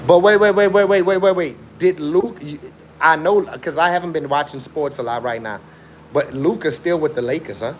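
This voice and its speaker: A young livestream host, born in Chicago and raised in South Africa, argues his point on a casual stream with repetitive, slangy, emphatic talk. His voice is fairly high and moderately paced, with a little hiss or hum.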